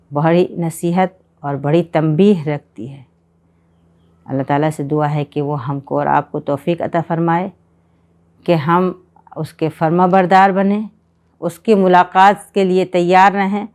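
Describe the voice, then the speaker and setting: A woman giving a religious lecture on a Quran chapter, speaking in earnest, measured exhortation with repeated phrases. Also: sits low, a little mellow.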